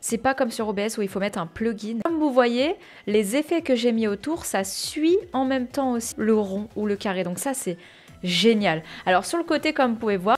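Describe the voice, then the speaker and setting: A woman giving a casual tutorial on streaming software, chatty and full of fillers, calling her viewers "guys". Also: medium pitch. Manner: chatty, many fillers, addresses viewers as "les gars". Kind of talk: casual screen-share tutorial. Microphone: headset or desk mic with earphones.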